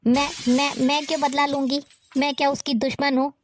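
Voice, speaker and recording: With a high voice that barely shifts in pitch, a woman talks a little quickly over soft music, lightly acting as a nagging older mother-in-law in a family drama. She scolds and taunts in a harsh, scornful way.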